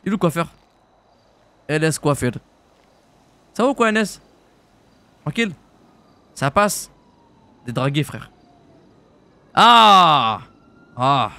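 A young French man streaming a roleplay game, chatting casually in slang and jumping into high shouts. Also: animated, vocal fry, no echo. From France. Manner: casual slangy banter, quick jumps to high-pitched shouts. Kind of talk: live-stream roleplay chat.

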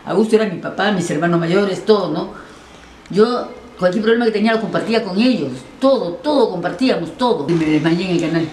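A woman's voice: fairly low pitch, fairly quick, a little mellow. An older woman from Peru, a former TV presenter, telling anecdotes in an interview and acting out the voices of the people in her stories. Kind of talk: animated storytelling interview. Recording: echoey room with audible background noise.

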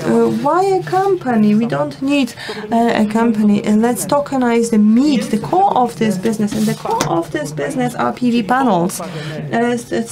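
A woman giving a live interpretation of a conference talk, halting and full of fillers and restarts. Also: fairly high pitch.

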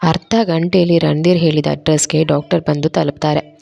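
Low-voiced woman narrating a love story. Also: little pitch movement, moderate pace, gravelly, dark tone, dry recording.

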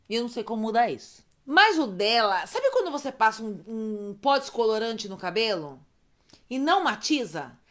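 Giggly chatty woman telling a story. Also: on the high side. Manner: giggly, often breaks into laughter; chatty, with many asides to viewers. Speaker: storyteller recapping roleplay streams. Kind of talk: casual storytelling recap.

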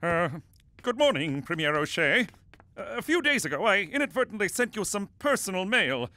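A man's voice: sits high, very animated, moderate pace, sharp tone, exaggerated voice. A man voicing a formal, meek, anxious petitioner in an adult cartoon.

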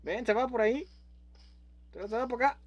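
A young man giving playful, goofy let's-play commentary, breaking into sudden yells and silly meowing. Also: very high voice, a little fast. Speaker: gaming youtuber.

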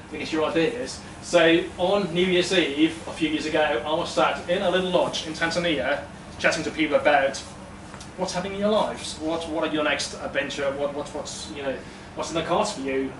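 In a small indoor event room with brick walls, a storytelling speaker from Denmark, a man in his thirties, shares a personal story with a live audience, chatting and poking fun at himself with many ums. His voice is a little high with a fairly bright tone. A distant room mic makes the recording echoey and noisy.

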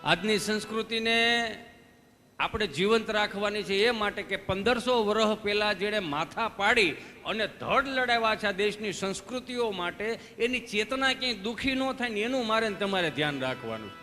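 A high, bright man's voice tells folksy jokes on a live stage and acts out the back-and-forth of his stories. The sound rings out in a reverberant hall, with faint music underneath. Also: expressive, moderate pace. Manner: folksy storytelling, asks the audience questions, acts out dialogues. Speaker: stand-up comedian. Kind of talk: live Gujarati folk comedy (dayro). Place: live stage show before an audience.

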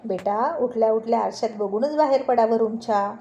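A woman's voice: fairly high pitch, moderate pace, dark tone, dull audio, a little hiss or hum, close to an everyday voice. A woman reading a story aloud and voicing a fond middle-aged father who jokes with his son. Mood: amused. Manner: joking, fatherly.

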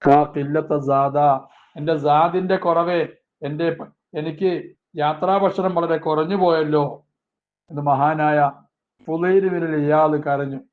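A man teaching a religious text class. He reads Arabic phrases slowly, then explains each one quickly. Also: on the high side, steady tone. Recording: tinny phone-like lo-fi sound.

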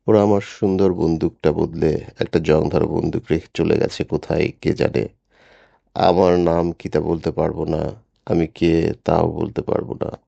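A man's voice: a bass voice, level tone, normal speed, creaky, mellow, no echo, highs cut off, heavily acted. A man voicing a confused old man, muttering in bewilderment in an audiobook. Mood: bewildered. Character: confused old man who lost twenty years.

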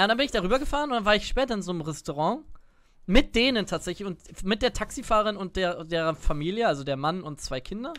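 Commenting on his gameplay, an Italian-born streamer in his twenties chats with viewers in a loose, rambling way. His voice sits high and sounds fairly bright. He's indoors at a gaming setup, wearing a headset and speaking close to a desk microphone.

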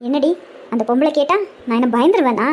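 A fierce old grandmother in a cartoon, as a woman voices her, scolding everyone in a high, sharp-tempered voice. She sounds indignant and commanding. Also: fast, slight background noise, lightly acted.

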